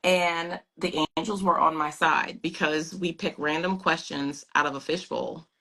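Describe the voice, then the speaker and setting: A woman's voice: low-pitched, fairly even intonation, unhurried, pushed and bright, low-quality recording. A woman guest on a video call, telling her story in an earnest, emphatic and reflective way. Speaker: pageant titleholder guest. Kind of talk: storytelling in an interview.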